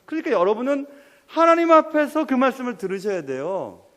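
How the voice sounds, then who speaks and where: A man's voice: very high voice, very animated, fairly quick, a bit bright. A young man preaching a sermon as pastor, quizzing his congregation and pressing them on their answers. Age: young adult. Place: church sanctuary. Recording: long hall reverb.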